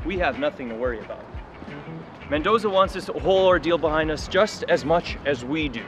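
A man's voice: a little high, animated, a little fast, music in the background, lightly acted. An actor playing a nervous young male actor who stammers and hesitates. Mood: stiff.

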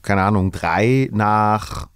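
A man's voice: fairly low pitch, slow, clear, resonant tone, no echo, clean studio sound. A man from Germany, a comedian and radio host, chatting as a podcast guest and telling stories with frequent laughs. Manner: chatty, laughs often, storytelling. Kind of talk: casual chat.

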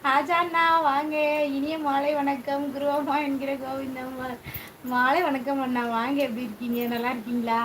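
A woman's voice: high-pitched, little pitch movement, normal speed, fairly bright tone, a little hiss or hum, rough recording. A woman with a Tamil accent hosting a casual live stream from her home kitchen on a phone, cooking while she chats and greets viewers by name. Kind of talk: casual live chat reading viewer comments.

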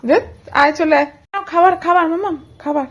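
A woman's voice: very high-pitched, steady tone, fairly quick, fairly bright tone, slight background noise. A woman with a Bengali accent, a mother vlogging at home and coaxing her small child in a sing-song voice. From India. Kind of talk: casual home vlog talk to a toddler.

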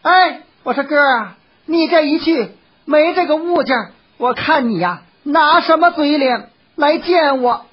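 A storyteller voicing a sharp-tongued young courtesan with a mocking, goading manner, in a dull lo-fi recording. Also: sits high, lively intonation, a little slow, pitched above the performer's own voice. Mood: taunting.

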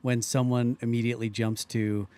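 A man's voice: medium pitch, level tone, moderate pace, warm tone. A man hosting a podcast interview, speaking in an upbeat, encouraging, casual way. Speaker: podcast host.

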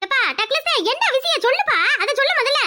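A woman's voice: very high voice, expressive, fast talker, pushed and bright, exaggerated voice. A woman voicing an elderly village mother in a cartoon comedy, who wails, scolds and laments. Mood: alarmed.

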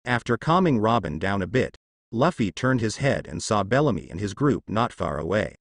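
A man narrating a story in a scripted, steady manner. His voice sits low but moves a lot in pitch, and the sound is close and dry. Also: moderate pace, vocal fry, no echo.

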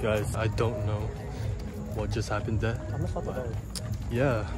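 A man's voice: fairly low pitch, flat delivery, takes it slowly. A young man in his twenties who hosts a casual night-time vlog on city streets, talking to a handheld camera in a laid-back, amused way. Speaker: vlogger. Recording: loud music bed over voice.

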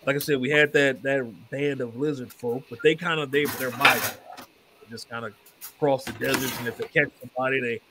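A man's voice: mid-range voice, fairly even intonation, fairly quick, heavy background noise. A man narrating as the game master of a tabletop game, in a laid-back, loose storytelling way. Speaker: dungeon master.

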